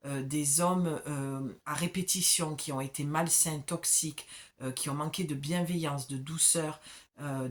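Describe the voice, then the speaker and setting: A woman giving an oracle card reading, talking straight to the viewer in a chatty, self-mocking way. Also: low voice.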